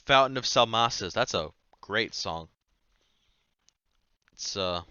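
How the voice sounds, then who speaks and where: A man's voice: low-pitched, sharp tone, clear, resonant tone, no echo, muffled recording. A man reviewing music in a rambling, offhand way, swearing casually. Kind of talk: casual chat.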